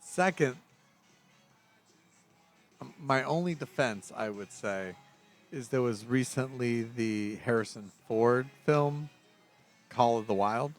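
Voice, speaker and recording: Co-hosting a laid-back film review podcast, a middle-aged man rambles along, chuckles and keeps correcting himself. His mid-range voice moves slowly with frequent pauses, faint music behind him.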